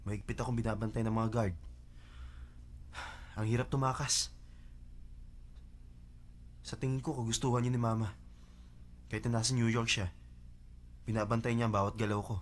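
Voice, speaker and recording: A man's voice: mid-range voice, flat delivery, normal speed, long pauses, slight background noise, natural voice. A man dubbing the part of a blunt, protective rich young man in a drama. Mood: complaining. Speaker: dub actor. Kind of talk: Tagalog drama dub. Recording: dub with faint music underneath.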